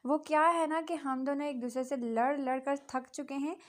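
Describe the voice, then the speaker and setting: A woman's voice: high voice, steady tone, normal speed, close to an everyday voice. A woman voicing a playful young man who teases and jokes, in a storybook reading. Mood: teasing. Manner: jokey, teasing.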